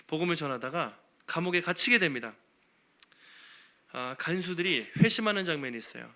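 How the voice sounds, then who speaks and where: Male pastor delivering a Sunday sermon with a bright, piercing tone. He is animated, acts out the speakers in his stories, and laughs lightly between phrases. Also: a little high, a little fast. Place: church sanctuary.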